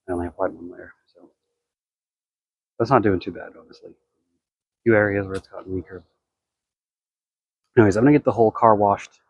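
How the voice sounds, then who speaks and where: An American man giving a casual, unscripted product demonstration in a low-key way, thinking aloud as he works. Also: breathy edge, no room sound, poor audio. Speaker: car care product reviewer.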